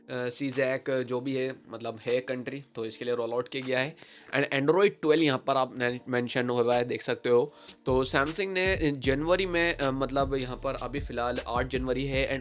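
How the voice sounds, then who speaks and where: A man at an ordinary mid pitch talks through a phone software update in a loose, chatty explainer style. He hesitates often and drops English phrases into his sentences. Soft music plays faintly underneath. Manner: chatty, many fillers, mixes English phrases into Hindi. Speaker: tech channel host. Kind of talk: casual tech explainer.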